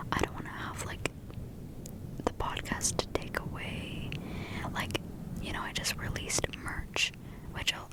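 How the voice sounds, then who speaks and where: A woman speaks entirely in a soft, breathy ASMR whisper. She is very close to the microphone. Her delivery is calm and casual, rambling along like an intimate chat from a channel host. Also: poor audio.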